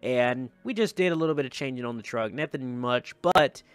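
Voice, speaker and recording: This gaming video host speaks fairly quickly in a medium-pitched, clean-toned voice on a dry recording. He keeps up casual, colloquial commentary on the gameplay, often echoing his own phrases.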